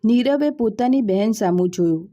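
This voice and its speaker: A woman reading a family story aloud in a measured, even voice. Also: on the high side, highs cut off. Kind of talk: scripted story narration.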